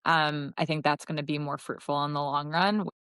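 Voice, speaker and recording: A middle-aged woman from Connecticut talks through her career as a podcast guest, pausing to rephrase as she goes. Her voice sits low and sounds smooth and clear. The sound is dry and close. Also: level tone, a bit bright, no echo. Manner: thoughtful, self-correcting, with light laughs. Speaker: marketing executive guest. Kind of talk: casual interview talk.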